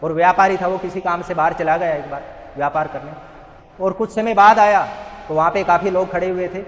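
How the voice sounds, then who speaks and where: A man's voice: sits high, fairly even intonation, brisk, fairly bright tone, slight background noise. A man giving an earnest motivational talk at a rehab center, telling a parable and asking rhetorical questions. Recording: echoey hall.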